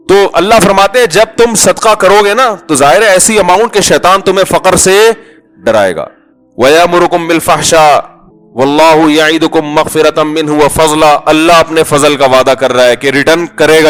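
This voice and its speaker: A man's voice: on the high side, fairly bright tone. A male Islamic preacher giving a conversational sermon. He jokes, asks the listeners rhetorical questions and acts out small everyday dialogues.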